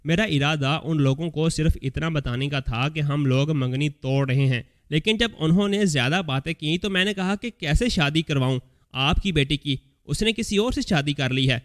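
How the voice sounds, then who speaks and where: A man reading a scripted story aloud as a voice-over, telling it in the first person as an elderly mother in a steady storytelling manner. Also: on the high side. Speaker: story narrator. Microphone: voice-over recording.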